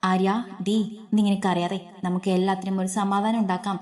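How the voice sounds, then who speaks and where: A woman's voice: medium pitch, level tone, a little fast, darkish tone, natural voice. A woman voicing a protective young man who comforts his crying sister in a soothing, reassuring way. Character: protective older brother, gently comforting.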